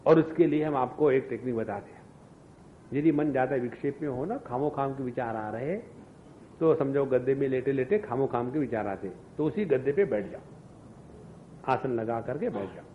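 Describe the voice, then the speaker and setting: A man giving a scripture discourse as a spiritual teacher, animated, asking rhetorical questions and chanting mantras. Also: medium pitch, moderate pace, phone-quality sound, slight background noise.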